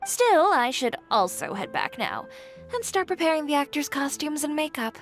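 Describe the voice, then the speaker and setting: An actress playing a brisk, practical young woman on a film crew in a game, with a teasing edge. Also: high voice, sing-song.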